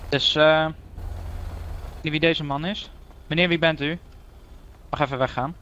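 A man voicing a calm male police officer in game role-play, soothing and a little hesitant, with a Dutch accent. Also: on the high side, measured pace, highs cut off, slight background noise. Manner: calming, hesitant.

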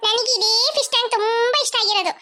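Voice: very high voice, steady tone, fast talker, noisy background. A performer voicing a bold, bratty little cartoon girl who pleads and whines for a fish tank. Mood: whiny. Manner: pleading, whiny.

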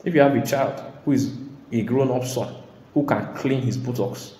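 A man preaching a sermon in an emphatic way, now and then bursting into shouts and laughter. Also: medium pitch, normal speed. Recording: echoey hall.

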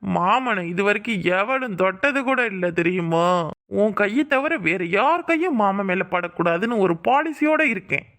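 A teasing young village husband banters playfully, as a voice actor plays him. His voice is bright and light. He dotes on his wife in a cartoon scene. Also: mid-range voice, expressive, normal speed. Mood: pleading. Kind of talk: cartoon voice acting.

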